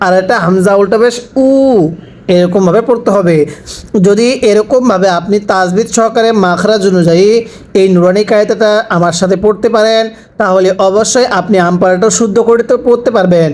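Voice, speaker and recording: A man teaching Quran reading, slowly spelling out letters and their sounds for learners to repeat. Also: high voice, fairly even intonation, a little mellow. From Bangladesh. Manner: slow, deliberate spelling-out of letters with pauses. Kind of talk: slow recitation lesson with repeat-after-me drills.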